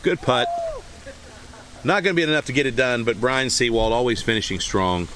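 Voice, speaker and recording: A man giving playful, mock-serious play-by-play commentary, hyping small moments with deadpan drama. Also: mid-range voice, moderate pace, slight background noise.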